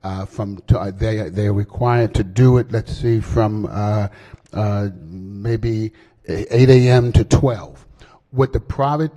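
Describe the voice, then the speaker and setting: A man speaking as senate floor leader, explaining a bill in a halting floor speech with many fillers and restarts. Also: on the low side, dark tone. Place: legislative chamber. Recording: long hall reverb.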